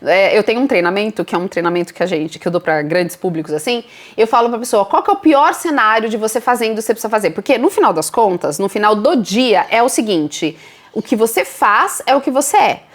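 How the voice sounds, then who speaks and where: A woman with a Brazilian accent, co-hosting a casual motivational talk as a speaking coach, lively and teacherly, acting out what her students say. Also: mid-range voice, quick pace. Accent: Brazilian Portuguese.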